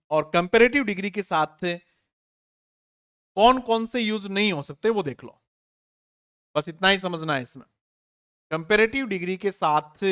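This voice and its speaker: A man teaches an online exam-prep grammar lesson in a steady classroom drill. He poses question after question and answers each one himself, repeating the key word and sometimes spelling it out letter by letter. He urges his students on in a friendly, informal tone. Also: high-pitched.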